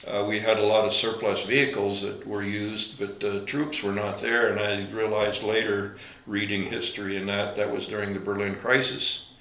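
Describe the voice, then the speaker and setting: Veteran in his 80s, born in Latvia, low bright voice, room echo. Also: little pitch movement, slight background noise. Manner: unhurried, halting with fillers and self-corrections. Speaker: veteran interviewee. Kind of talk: oral history interview.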